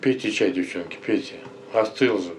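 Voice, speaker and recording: A man's voice: fairly low pitch, normal speed, a little hiss or hum, poor audio. A man chatting casually and bluntly, with slang and swearing. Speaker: village resident being interviewed. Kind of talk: casual chat.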